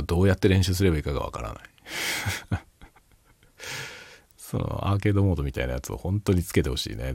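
A middle-aged man chatting alone in a quiet, hushed late-night voice, reflective and self-deprecating. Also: extremely low pitch, vocal fry, slightly rough, no room sound. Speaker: YouTube host. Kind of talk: casual late-night solo chat.

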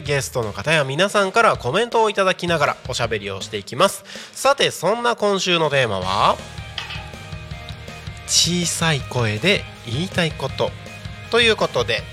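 A man in his thirties hosts a live community radio show from a small local studio, speaking into a studio mic with a somewhat high, bright, forward tone. His delivery is upbeat and announcer-like, loosening into relaxed, chatty asides. Soft music sits faintly beneath him. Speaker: radio host.

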